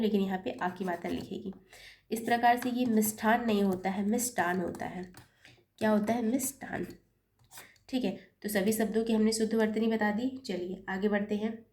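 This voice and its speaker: A woman teaching Hindi walks students through exam-prep corrections patiently and step by step, fixing and apologizing for her own slips along the way. Her voice has medium pitch and a darkish tone.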